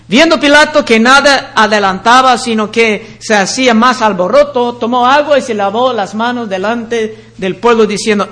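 High-voiced man preaching a sermon. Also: fairly bright tone. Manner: reads scripture passages aloud, with slips and restarts. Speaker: pastor.

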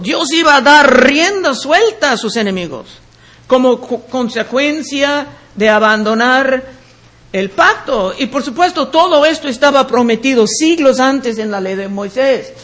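A man teaching the Bible verse by verse. He reads each passage aloud and then explains it in a deliberate way. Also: very high voice, fairly bright tone.

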